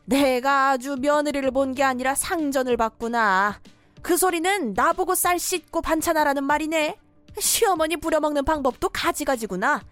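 A woman's voice: high voice, a bit bright. A woman voicing a domineering, scolding middle-aged mother-in-law in a cartoon story drama.

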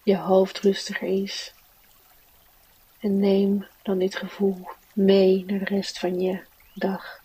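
A woman leading a guided relaxation in a soft, soothing, unhurried manner. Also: mid-range voice, monotone, breathy edge, no room sound, far from the mic, poor audio. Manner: soft, slow, soothing guiding delivery. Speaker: mindfulness teacher and meditation guide.

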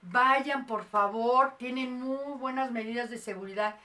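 A woman's voice: fairly high pitch, unhurried, bright, forceful tone, far from the mic. A woman co-hosting a casual talk show, playful and pleading earnestly with the audience. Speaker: co-host. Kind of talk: casual chat.

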